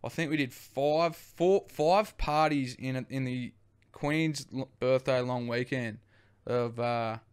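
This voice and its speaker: Aussie bloke yarning away, loose and rambly, smooth clear voice, mid pitch. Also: male voice, slow pace, hardly any pauses. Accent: Australian. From Australia. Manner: laid-back, rambling, swears casually. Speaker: brewery co-founder guest. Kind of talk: casual storytelling chat.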